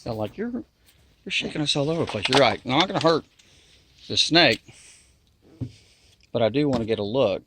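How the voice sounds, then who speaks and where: Chatting casually to the camera in the river bottoms, a man with a Southern US accent and nasal twang speaks in a folksy drawl. His medium-pitched, fairly bright voice is very animated, moving at normal speed with long pauses. He makes outdoor videos, and slight background noise is present.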